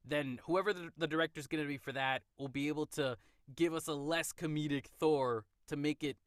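A man hosting a podcast, chatting casually about a movie, animated and quick to laugh. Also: fairly high pitch, no echo, studio quality. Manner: animated, theorizing, laughs often. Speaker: podcast host. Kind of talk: casual movie review chat.

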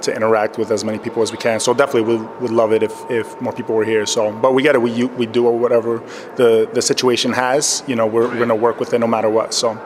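A man, a pastor, giving casual interview answers and haltingly repeating his words. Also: medium pitch, flat delivery. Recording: faint background noise.

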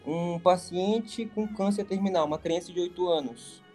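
A man with a slightly raised pitch tells stories in a lively, animated way and acts out the quotes. Faint music plays in the background of this casual podcast chat. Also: normal speed.

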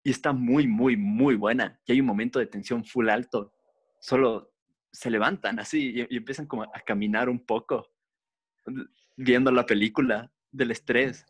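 A man's voice: medium pitch, steady tone, moderate pace, slightly rough. A young man telling crude, jokey stories in casual chat.

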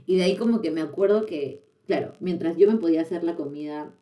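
A woman's voice: fairly low pitch, fast talker, mellow, far from the mic. A young woman, hosting a casual podcast chat and speaking in a chatty, confessional way with frequent laughs. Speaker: podcast host.

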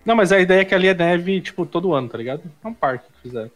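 A man's voice: high voice, expressive, racing, faint music behind. A Brazilian man with a Brazilian Portuguese accent chats casually on a podcast, slangy and full of tag questions.

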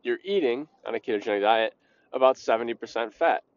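A man's voice: medium pitch, lively intonation, fast, highs cut off. A young man hosting his own podcast, talking casually and bluntly, with the odd swear word. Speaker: podcast host. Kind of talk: casual solo podcast talk.

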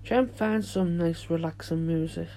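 A man hosts a solo podcast, chatting casually in an informal, halting, unpolished way. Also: fairly high pitch, warm tone. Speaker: podcast host.

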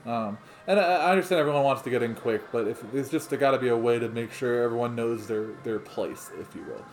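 A man's voice: mid-range voice, fast talker, soft background music. A man co-hosting a casual podcast, rambling through his thoughts with many ums and restarts. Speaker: podcast co-host. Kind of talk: casual chat.

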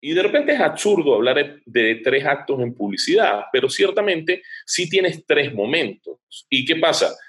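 A man's voice: on the high side, sing-song, normal speed, fairly bright tone. A man speaking as an interview guest, an advertising director explaining his work at length, thinking aloud with frequent hesitations.

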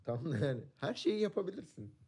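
A man in a casual podcast chat, telling stories in a relaxed, slangy way. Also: high voice, fast, breathy edge. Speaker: podcast co-host.

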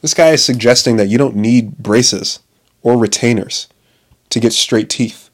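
Here a man in his late twenties speaks a little slowly in a mid-range voice. His casual monologue wanders, full of swearing, restarted sentences, and his own laughter.

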